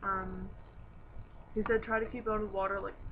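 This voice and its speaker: A young woman talks through a dental retainer in a casual, candid vlog style, with little rise and fall in her voice. The recording is narrow and lo-fi, with clear background noise. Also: medium pitch, little pitch movement, normal speed. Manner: slightly impeded speech from wearing a dental retainer. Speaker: vlogger. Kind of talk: casual chat to camera. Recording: noisy, dull narrow-band home recording.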